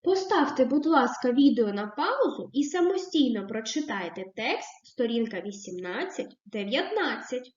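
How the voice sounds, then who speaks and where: A woman teacher giving a recorded reading lesson to young children, asking questions and praising the answers in a slow, sing-song way. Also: a little high, sing-song, echoey room, highs cut off. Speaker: primary school teacher.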